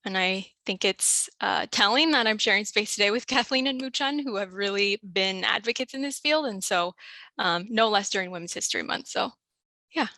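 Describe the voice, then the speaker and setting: Bright-voiced woman in her thirties. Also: medium pitch, moderate pace, no room sound. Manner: casual, with many "um" and "like" fillers. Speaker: university diversity staff member. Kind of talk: panel talk about her career.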